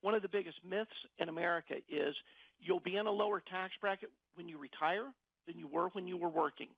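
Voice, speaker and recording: A man's voice: sits high, brisk, creaky, dry recording, phone-quality sound. A middle-aged man explaining things as a financial advisor in a radio interview, often repeating words as he searches for phrasing.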